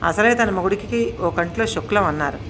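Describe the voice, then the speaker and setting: A woman reading a comic story aloud, narrating in a steady, expressive way. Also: medium pitch, brisk, slight background noise.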